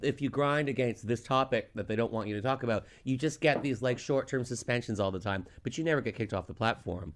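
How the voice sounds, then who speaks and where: A man's voice: medium pitch, fast, hardly any pauses. A man co-hosting a podcast, talking in a casual, conversational style. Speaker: podcast co-host. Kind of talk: casual chat.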